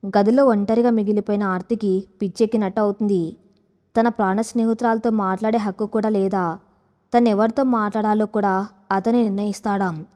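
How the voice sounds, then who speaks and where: Female storyteller, steady emotive narration of a drama. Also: medium pitch, brisk. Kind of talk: scripted audio story narration.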